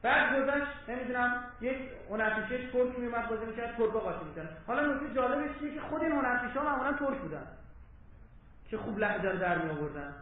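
A man giving an impassioned public lecture in a hall, swinging between loud urging and low asides. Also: animated. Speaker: religious lecturer. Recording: very echoey hall, tinny phone-like sound, faint hiss.

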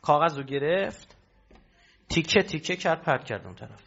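A man's voice: fairly high pitch, animated, gravelly, a bit bright, breathy edge, muffled recording. A man preaching a religious sermon, emphatic and full of rhetorical questions to his listeners.

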